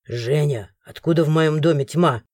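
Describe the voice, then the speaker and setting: A woman's voice: sits low, normal speed, darkish tone, no echo, studio quality, pitched below the performer's own voice. A woman voicing a stern, angry man, the master of the house, speaking in a clipped way.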